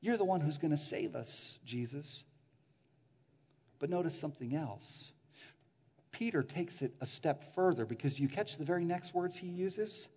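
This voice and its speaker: A man preaching a sermon as a pastor, animated, acting out the voices of the people he quotes. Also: fairly high pitch, unhurried, slightly rough. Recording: dull sound with long hall reverb.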